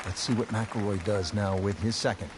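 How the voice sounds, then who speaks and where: A man's voice: on the low side, fairly even intonation, moderate pace, a crowd in the background, background noise, natural voice. A man calling golf as a play-by-play commentator in short, clipped, approving phrases. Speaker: golf commentator, on-course announcer.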